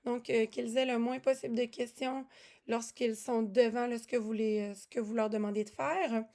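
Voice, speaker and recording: A woman's voice: a little high, fairly even intonation, normal speed, dark tone. A woman casually walking through music classroom materials, chatty with many fillers and restarts. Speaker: music teaching resource presenter.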